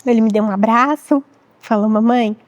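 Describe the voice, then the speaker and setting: A woman in her thirties with a Brazilian Portuguese accent, telling a painful personal story as a guest in a measured, reflective way, often quoting her own past words. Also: medium pitch, little pitch movement, mellow, no room sound, dull audio. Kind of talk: emotional personal testimony.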